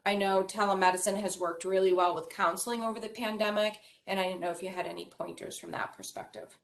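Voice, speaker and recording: A woman physician moderating a webinar panel over a video call, speaking in a reflective, measured way. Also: mid-range voice, steady tone. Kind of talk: professional panel discussion.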